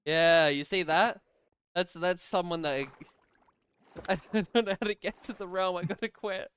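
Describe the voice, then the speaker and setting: A young man streaming a game, chatting casually, often laughing and breaking into frustrated shouts. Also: high voice, moderate pace, clear, resonant tone. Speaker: gaming streamer. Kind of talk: casual gaming chat.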